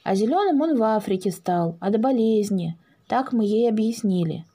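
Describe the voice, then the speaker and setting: A woman's voice: medium pitch, expressive, moderate pace, mellow, slightly rough. Woman doing a gloomy little boy. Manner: gloomy, matter-of-fact. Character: gloomy young boy, son.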